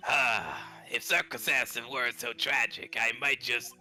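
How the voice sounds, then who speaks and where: A man voicing a flirty, teasing head nun with slow, theatrical movie-villain menace in a playful game read-aloud. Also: mid-range voice, fairly even intonation, sharp tone, faint music behind.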